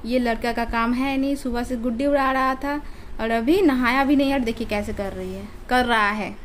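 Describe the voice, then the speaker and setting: Woman vlogger with a slight lisp, high voice, chatty and explaining things as she goes. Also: fairly even intonation, moderate pace, a little hiss or hum. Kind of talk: casual home vlog chat.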